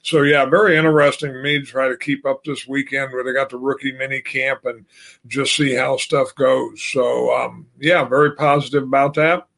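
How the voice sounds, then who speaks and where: A man's voice: medium pitch, flat delivery, moderate pace, vocal fry, fairly bright tone. An older man, the host's father, talking sports casually and rambling with many fillers and restarts. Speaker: podcast guest.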